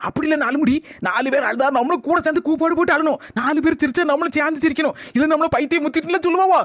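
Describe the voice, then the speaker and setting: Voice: sits high, rapid-fire, fairly bright tone, no room sound, clean studio sound. A performer voicing a sly, scheming village gossip in a cartoon, with a Kanyakumari Tamil accent and a cheeky, plotting way of talking. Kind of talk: cartoon dialogue.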